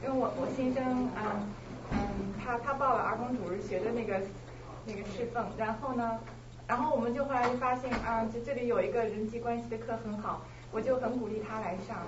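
A married woman sharing about her husband in class, hesitant with many pauses. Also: on the high side, steady tone. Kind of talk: personal testimony sharing. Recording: roomy, distant, lo-fi with noise.

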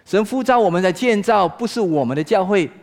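A man preaching a sermon in Mandarin, asking rhetorical questions and swinging between loud exclaiming and hushed talk. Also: high voice, animated, brisk. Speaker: pastor.

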